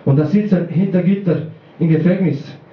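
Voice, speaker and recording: A man reading his own poem at a poetry slam, halting, with fillers and non-native grammar. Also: fairly high pitch. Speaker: slam poet. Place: small bar at a live poetry slam. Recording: roomy, dull live recording.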